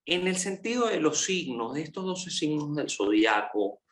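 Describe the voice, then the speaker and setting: A male interviewer with a bright, lively voice that rises and falls a lot. He affirms his guest warmly in words and builds long questions with many hesitant fillers. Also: on the high side, moderate pace. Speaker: interview host.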